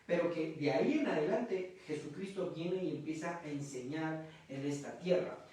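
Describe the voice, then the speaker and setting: A man preaches a sermon in a church, speaking slightly high and talking loosely, full of fillers and the repeated question "¿verdad?". His voice rings with heavy echo and sounds distant from the microphone, as though picked up from across a hall. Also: moderate pace, a little mellow. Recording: very echoey room from a distance.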